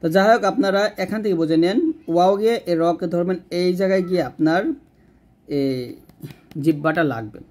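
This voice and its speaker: A man's voice: sits high, fairly quick, darkish tone. Patient man teaching Quran recitation. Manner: patient step-by-step explanation, asks and answers own questions. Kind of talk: explaining lesson with slow drawn-out recitation examples.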